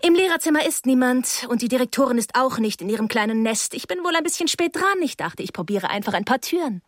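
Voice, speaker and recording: A woman's voice: sits high, expressive, fast, dry recording, clean studio sound, voice pushed up. A woman voicing a breezy, self-assured teenage schoolgirl who speaks in an airy and carefree way. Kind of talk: audiobook character voice.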